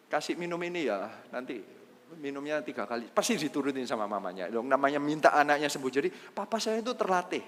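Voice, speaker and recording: A man preaching a sermon as pastor, conversational and lively, asking the congregation questions and mixing in English phrases. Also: sits high. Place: church hall. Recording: livestreamed church service in a reverberant hall.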